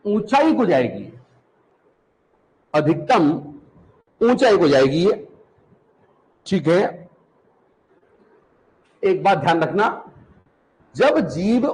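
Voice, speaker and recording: A male teacher with a high, lively voice that rises and falls a lot. He speaks slowly and repeats each term so students can take notes. He asks the class questions and then answers them himself. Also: low-quality recording. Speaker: Hindi teacher. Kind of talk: classroom lecture.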